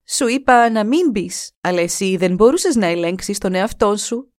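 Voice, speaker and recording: Woman doing a high pleading wounded young wife. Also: darkish tone, dry recording, clean studio sound, close to an everyday voice. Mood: pleading, tearful.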